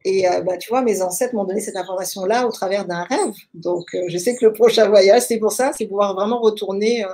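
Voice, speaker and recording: A woman with a French accent, talking as an interview guest and telling her story reflectively, with many pauses and fillers. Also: mid-range voice, warm tone. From France. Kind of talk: casual conversational storytelling.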